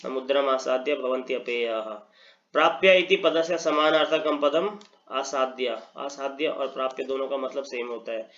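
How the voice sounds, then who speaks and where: A man's voice: mid-range voice, normal speed, a bit bright, highs cut off. A man, a Sanskrit teacher walking through exam answers, mixing Hindi and English, his throat tired. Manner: mixes Hindi and English, explains step by step.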